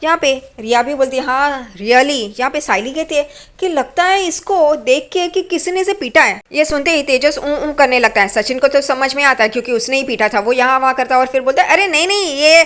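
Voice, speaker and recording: A woman recaps a TV serial episode in casual narration, passing quickly from scene to scene. Her voice sits high and she keeps up a steady retelling flow. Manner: rapid retelling, quoting characters.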